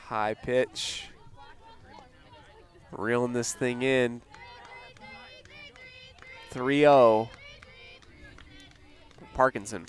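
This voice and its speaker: A man doing play-by-play for a local radio softball game, calm and unhurried with casual fillers, lifting his voice on big plays. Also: mid-range voice, a faint crowd. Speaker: play-by-play announcer.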